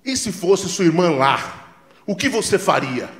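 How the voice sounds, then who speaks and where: Brazilian guy doing stand-up, high voice, loud and animated, roomy club sound. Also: unhurried. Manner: loud, animated storytelling with acted-out dialogue and swearing. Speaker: stand-up comedian. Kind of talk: stand-up comedy set. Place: comedy club stage with live audience. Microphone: handheld stage mic.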